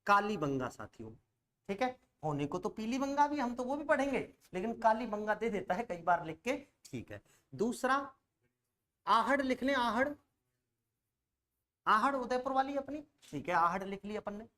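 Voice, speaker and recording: A man's voice: high-pitched, lively intonation, normal speed, a bit bright. A male teacher giving an online exam-prep coaching lecture, chatty and always checking in with students through rhetorical questions.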